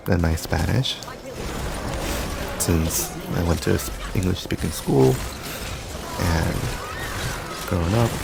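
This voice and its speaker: A young gaming commentator with a low, gravelly voice rambles casually over gameplay, drifting through loose, meandering stories packed with fillers. Background noise is audible in the recording.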